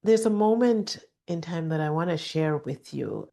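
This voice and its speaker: A middle-aged woman, speaking softly and gently with deliberate pauses, like a host guiding a calm reflection or telling a personal story. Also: low voice, creaky. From Jamaica. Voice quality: soft. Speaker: podcast host. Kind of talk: reflective personal storytelling with calming guided-meditation delivery.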